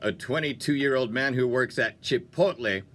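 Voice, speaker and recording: A man with a mid-range, slightly bright voice talks at normal speed while hosting a music radio show in the studio. His style is chatty, upbeat and playful, sprinkled with lighthearted asides.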